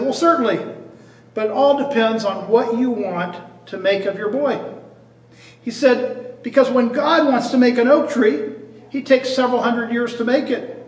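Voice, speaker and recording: Older pastor preaching in an echoey church. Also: male voice, extremely high pitch. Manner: earnest preaching with repeated phrases and restarts. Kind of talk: sermon. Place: church sanctuary in front of a stained glass cross. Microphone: far camera at a pulpit. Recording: echoey church heard from a distance.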